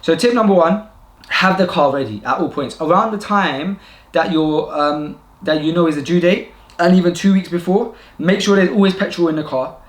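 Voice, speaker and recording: Guy in his twenties or thirties, earnest advice-giver; light high-ish voice, echoey room. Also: moderate pace. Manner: earnest, repeats points for emphasis. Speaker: vlogger giving advice to new fathers. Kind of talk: casual direct-to-camera advice.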